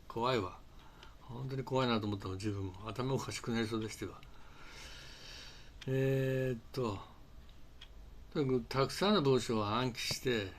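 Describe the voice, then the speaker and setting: An older man talks casually to camera as an English conversation teacher. His pitch sits in the ordinary middle range for a man. He rambles and halts, often starting over and filling pauses with hesitation sounds. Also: a little hiss or hum. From Japan. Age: 60s. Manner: rambling, halting, full of fillers and restarts.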